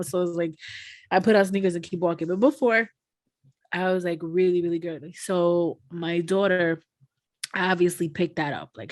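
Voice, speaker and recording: A woman's voice: lowish voice, no echo. A woman in her thirties co-hosting a podcast, talking in a frank, emphatic and joking way. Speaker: podcast co-host. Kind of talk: casual chat.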